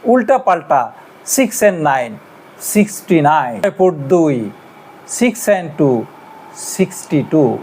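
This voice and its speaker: Higher-pitched man calling bingo numbers in rhyme. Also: very animated, takes it slowly, long pauses, darkish tone, a little hiss or hum. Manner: rhythmic, chanted rhymes ending on the number. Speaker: bingo caller.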